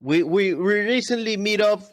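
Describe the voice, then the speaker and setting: A man's voice: sits high, normal speed. A man chatting casually as a podcast guest in non-native English, often repeating words and restarting his phrases. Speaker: podcast guest, airsoft video creator. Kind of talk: casual interview chat.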